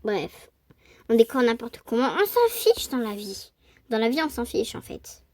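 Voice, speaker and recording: A woman from France chatting excitedly while playing a role-play game, squealing over cute things. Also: fairly high pitch, moderate pace, no room sound. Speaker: gaming YouTuber. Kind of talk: casual gameplay commentary.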